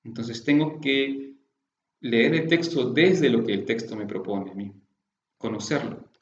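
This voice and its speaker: A male lecturer teaches a class on classical Chinese medicine at an even, mid-range pitch. He explains step by step, asks rhetorical questions and often tacks a questioning "right?" onto his points. The recording is echoey and slightly dull, with a faint hiss behind him. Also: unhurried.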